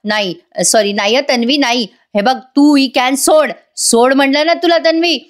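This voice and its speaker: A woman's voice: sits high, normal speed, natural voice. Lady doing a panicky young husband, begging urgently. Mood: pleading. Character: frantic young husband, pleading.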